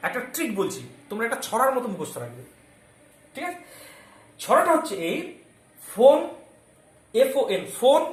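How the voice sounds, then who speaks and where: A male chemistry teacher giving a lesson, constantly quizzing his students and repeating key terms slowly so they stick. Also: very high voice. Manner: keeps asking the class questions and checking they follow. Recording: echoey room with faint ambience.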